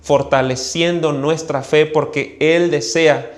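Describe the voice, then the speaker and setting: A Mexican-accented pastor tells a personal story from the pulpit and acts out the voices in it. His voice sits on the higher side for a man. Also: takes it slowly. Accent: Mexican Spanish. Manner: animated storyteller, acting out voices. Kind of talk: storytelling sermon.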